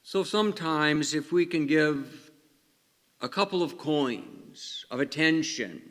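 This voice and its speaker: A man's voice: on the high side, takes it slowly, fairly bright tone. Man preaching in cathedral echo. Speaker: priest giving the Gospel and homily. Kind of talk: liturgical reading and homily. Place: large reverberant church. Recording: cathedral echo, long reverberant church hall.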